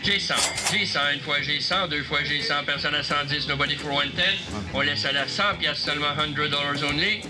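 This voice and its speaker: A male auctioneer with a Quebec French accent chants prices in a slightly high voice, repeating each figure and flipping between French and English. Loud guitar music plays over his calling. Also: steady tone, normal speed, few pauses.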